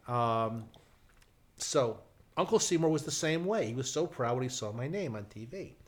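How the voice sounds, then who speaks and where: Middle-aged man telling a lively anecdote. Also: medium pitch, moderate pace. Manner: lively storyteller, frequent restarts and asides. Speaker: guest, television writer. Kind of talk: casual anecdote in conversation.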